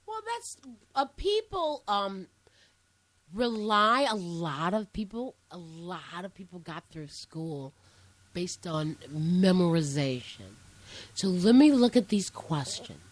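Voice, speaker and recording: A woman co-hosting an online radio show, an educator who jumps in quickly to finish thoughts. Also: fairly low pitch, sing-song, no echo, poor audio. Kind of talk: casual radio chat.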